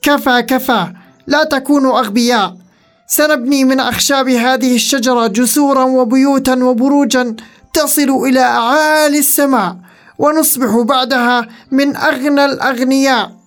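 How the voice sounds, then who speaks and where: A woman voicing a greedy, bossy male furniture seller in a storybook, loud and scornful. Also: sits high, level tone, a little fast, hardly any pauses, soft background music, lightly acted. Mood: angry.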